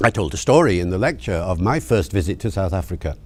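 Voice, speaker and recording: A man, a language lecturer, explaining things in an interview with lively anecdotes. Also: deep voice, brisk.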